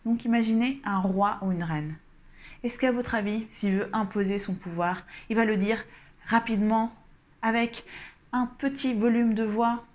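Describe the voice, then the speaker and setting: A woman giving a coaching lesson to camera, explaining calmly and deliberately and gesturing as she talks. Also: a little high, muffled recording. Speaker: communication coach. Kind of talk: instructional coaching talk to camera.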